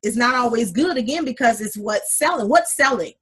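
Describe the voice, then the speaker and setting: A podcast co-host, this sassy, animated woman has a husky, breathy voice that sits somewhat high for a woman. She chats casually in a relaxed way at a brisk clip, calling listeners honey and leaning into her points with flair.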